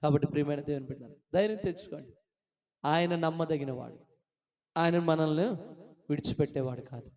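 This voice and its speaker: High-voiced impassioned male pastor. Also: fairly quick, pauses often. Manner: impassioned, swings between hushed and loud, repeated hallelujahs. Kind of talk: Easter sermon.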